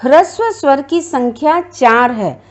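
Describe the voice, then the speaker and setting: A woman's voice: sits high, expressive, slow. A woman teacher giving a classroom grammar lecture, explaining step by step and repeating her points.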